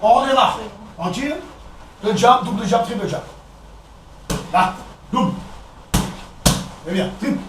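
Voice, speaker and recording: A man with a French accent coaching a boxing session, counting out combinations and calling out punches in short, brisk commands. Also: high voice, lively intonation. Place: echoey boxing gym. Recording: echoey gym, distant camera, background noise.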